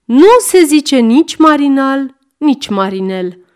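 Lady doing a bratty spoiled little boy, shrill and whiny, storybook voice. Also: expressive, darkish tone. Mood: smug. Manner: whiny, shrieking, insolent.

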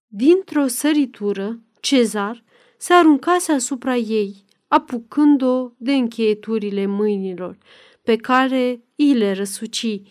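A woman's voice: fairly high pitch, darkish tone. Woman reading a dramatic novel aloud. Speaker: narrator.

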